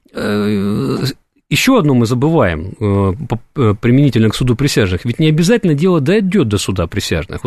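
A man's voice: medium pitch, darkish tone, no room sound, clean studio sound. A man speaking as a guest on a radio discussion, hesitant, with many fillers and restarts as he argues his point. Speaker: studio guest, legal commentator. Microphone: studio microphone.

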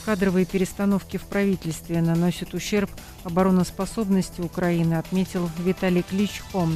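A woman anchoring a radio newscast in a crisp, even newsreader delivery at a studio mic. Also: fairly low pitch, brisk, faint music behind. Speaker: news anchor. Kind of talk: radio news reading.

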